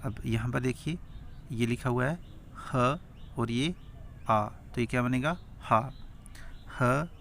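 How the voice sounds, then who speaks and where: A man's voice: mid-range voice, slow, long pauses, a bit bright, slight background noise. A man teaching Urdu script who sounds out each letter and syllable one at a time, then asks and answers his own questions. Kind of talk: slow spelling-out lesson.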